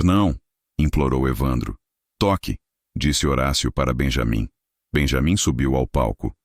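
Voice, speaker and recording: Very deep man narrating a drama story, dry close sound, measured. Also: no echo.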